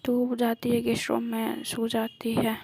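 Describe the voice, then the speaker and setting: A woman casually retelling a love story in a soft, half-whispered voice, pausing often on fillers. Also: fairly high pitch, monotone, gravelly, breathy edge, no room sound, rough recording. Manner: hesitant, many filler pauses.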